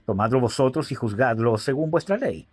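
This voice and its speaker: A man voicing the Roman governor Pilate in a spoken Bible reading, in an earnest, questioning way, with a husky voice. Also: medium pitch, lively intonation, brisk.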